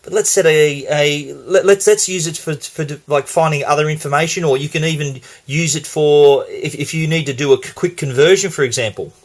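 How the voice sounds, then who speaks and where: A man's voice: a little high, fairly quick, hardly any pauses. A man with an Australian accent hosting a casual gadget demo, chatty and explaining as he goes with a few restarts. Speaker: tech reviewer.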